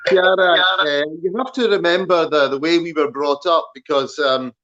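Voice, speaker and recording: A man speaks in a slightly high voice over a video call. He is reflective and pauses with fillers between his thoughts. The audio is lo-fi and dull. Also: a bit bright. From Scotland. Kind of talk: casual chat on a video call.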